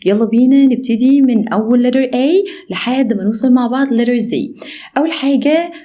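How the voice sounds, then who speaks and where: A woman with an Egyptian Arabic accent teaching English letter pronunciation, slowly demonstrating each sound and often asking "okay?". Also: on the high side, dark tone. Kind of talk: online pronunciation lesson.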